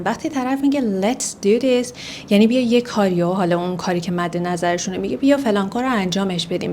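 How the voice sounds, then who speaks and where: A woman's voice: medium pitch, a little mellow, a little hiss or hum. Persian-speaking woman teaching English phrases. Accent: Iranian. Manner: explains slowly, repeats phrases in English. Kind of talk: language lesson explaining phrases.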